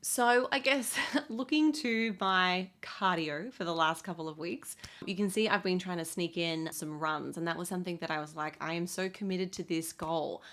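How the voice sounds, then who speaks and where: Chatty woman, slightly low voice. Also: moderate pace, fairly bright tone. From outside the United States. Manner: chatty, laughs often, many fillers like "like" and "you know". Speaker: fitness coach vlogger. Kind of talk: casual talking-to-camera check-in.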